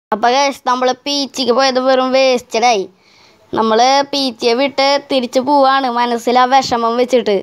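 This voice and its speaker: A woman's voice: high-pitched, clean tone. A woman with a Kerala Malayalam accent narrates a casual travel vlog, chatting straight to viewers and mixing English words into her Malayalam. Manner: chatty, addresses viewers directly. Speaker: travel vlogger.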